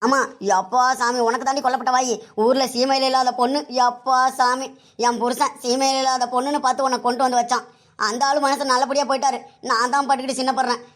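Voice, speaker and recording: A quarrelsome mother-in-law, played by a woman who rattles off her grievances at a quick clip in a Kanyakumari Tamil accent. Her voice sits a little high, and she wails to heaven about her lot in this comedy skit. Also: flat delivery, a bit bright. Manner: wailing, complaining. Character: nagging widowed mother-in-law, older woman.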